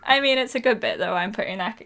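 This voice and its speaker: A podcast co-host with a medium-pitched, fast, slightly bright voice chats casually and playfully, with plenty of ums and laughter.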